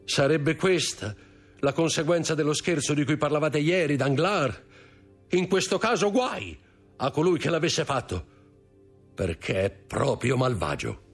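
A man voicing a raspy, weak and fearful drunkard in a raised pitch, as in an audiobook. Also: animated, measured pace, soft background music, exaggerated voice. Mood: suspicious. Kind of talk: audiobook character voice.

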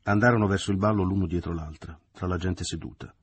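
A man reading a novel aloud as audiobook narrator, in a measured, steady literary narration. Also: deep voice, husky. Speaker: audiobook reader.

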